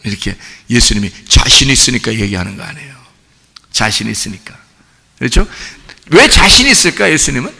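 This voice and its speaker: A male pastor giving a sermon in an animated, colloquial way, asking rhetorical questions. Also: medium pitch, brisk, vocal fry, long pauses, husky. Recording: long reverb of a church hall.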